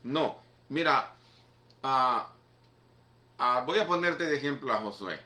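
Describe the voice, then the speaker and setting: Pastor hispano predicando en sala con eco. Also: male voice, mid-range voice, expressive, takes it slowly, pushed and bright, reverberant. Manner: conversational, emphatic preaching with repeated "mira" and "¿ok?". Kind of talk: sermon.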